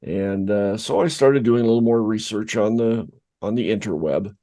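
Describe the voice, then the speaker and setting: Middle-aged male podcast co-host, low voice, casual, self-deprecating storyteller. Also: normal speed, mellow.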